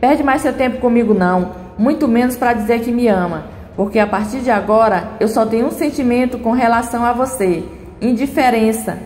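A woman's voice: fairly high pitch, a little fast, a little mellow, natural voice. A woman reading the lines of a furious, proud young bride left at the altar, with mild emphasis. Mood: indignant. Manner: read-out dialogue with mild emphasis. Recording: echoey room, long reverb, faint music.

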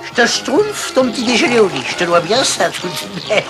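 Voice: medium pitch, sing-song, normal speed, music in the background. A performer in a French cartoon dub voicing a clumsy, eager, overgrateful little male creature with a hesitant, stammering delivery. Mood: eager, fussing. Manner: hesitant, stammering, insistently helpful.

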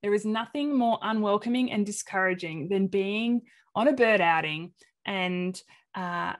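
A woman with an Australian accent giving a webinar presentation over a webcam video call, animated and acting out quoted reactions in different voices. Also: mid-range voice, measured pace. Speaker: presenter of an inclusion talk.

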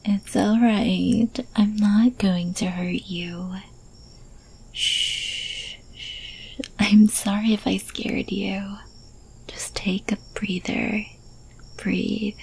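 A woman acting out a lovestruck female thief in a whispered role-play, speaking extremely slowly. She is breathy, teasing and possessive, coaxing with pet names. Faint-to-clear background noise of night insects sits behind her. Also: mid-range voice, a little mellow, low-quality recording. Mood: soothing, tender.

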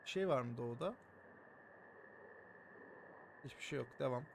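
A man's voice: medium pitch, animated, racing, gravelly, noisy background. A man streaming a game live, joking around, swearing often and thanking his viewers by name. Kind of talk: live gameplay commentary.

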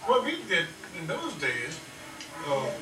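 A man's voice: a little high, wildly swooping pitch, slow, reverberant, recorded from a distance, over music, rough recording. An older man telling old stories with chuckles in casual family storytelling, heard on an old home VHS tape. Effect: old home VHS tape sound. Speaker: older relative reminiscing. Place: home living room at a family party.

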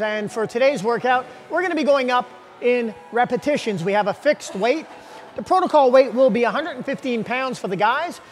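High-voiced man coaching in a gym. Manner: upbeat, brisk and plainspoken. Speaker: fitness coach host. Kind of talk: workout instruction to camera. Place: large indoor gym. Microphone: lapel mic. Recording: long reverb of a big gym hall.

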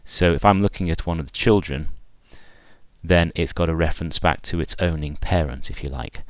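A man giving an unscripted screencast walkthrough of software, thinking aloud with frequent fillers and restarts. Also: a bass voice, moderate pace, no echo.

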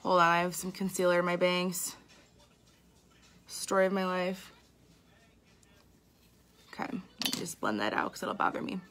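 A young woman talks through a makeup routine in a loose, candid way, full of "like" and "um." Her tone is bright and clear, but she sounds a little sleepy and tired. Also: lowish voice, animated, moderate pace, long pauses, slight background noise. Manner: chatty, candid, self-deprecating, lots of fillers. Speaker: makeup artist. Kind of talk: casual live makeup tutorial.

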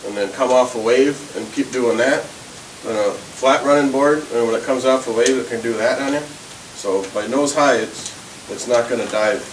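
A man's voice: mid-range voice, reverberant, far from the mic, a little hiss or hum, poor audio. A man in his thirties demonstrating fishing tackle in an indoor shop, explaining step by step with frequent restarts. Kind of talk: casual product demonstration.

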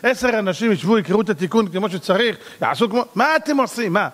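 A rabbi giving an animated sermon, acting out little dialogues and shouting at the peaks. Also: male voice, sits high, big-room sound.

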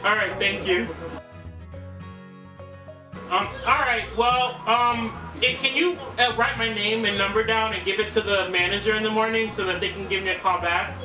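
A young man playing an insistent, oblivious new fast-food employee in a rambling, deadpan prank call. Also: sits high, natural voice. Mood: earnest, insistent. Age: young adult. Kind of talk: improvised prank phone call. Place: small living room. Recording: roomy, distant camera sound, music.

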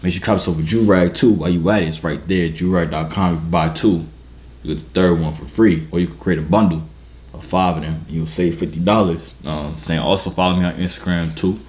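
A man in his early twenties with an American accent and a deep, booming voice, chatting in a laid-back, slangy, teasing way. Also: fairly even intonation, quick pace, darkish tone. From New York, United States. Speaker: vlogger hosting a random video-chat prank. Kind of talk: casual flirtatious chat. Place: garage-like home gym, indoors.

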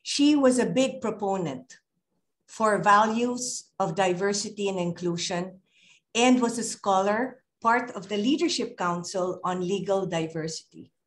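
Slow, measured older woman introducing a speaker. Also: medium pitch. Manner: measured, proud, ceremonial. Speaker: webinar host. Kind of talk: reading a formal speaker introduction. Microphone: computer mic on a video call.

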